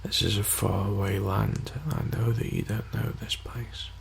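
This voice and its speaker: A man leading an ASMR guided meditation in a hushed, soothing, half-whispered voice with long pauses. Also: fairly low pitch, level tone, vocal fry, a little hiss or hum.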